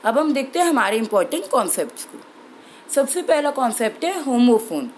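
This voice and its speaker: A young woman teacher explaining an exam-prep language lesson clearly and steadily, slowing down on key terms. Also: on the high side, sing-song, a little mellow, slight background noise, low-quality recording.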